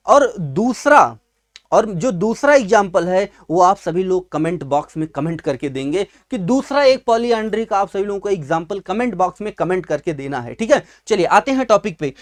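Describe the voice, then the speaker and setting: A man's voice: sits high, animated, moderate pace. Man teaching, quizzing and repeating himself. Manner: asks questions and answers them himself, repeating key words; addresses students fondly. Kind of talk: exam-prep vocabulary lesson. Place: at a writing board in a class video.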